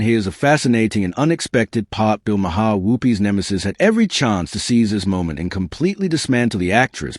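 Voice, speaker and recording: A man's voice: on the low side, a little mellow, dry recording, clean studio sound. A man narrating scripted commentary in a sardonic, mocking manner.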